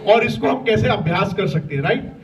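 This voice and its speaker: A man's voice: sits high, animated, brisk. A man leading an interactive lesson for school students. He keeps checking in with the class and praises them often. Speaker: school workshop facilitator. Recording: distant, dull mic with faint room noise.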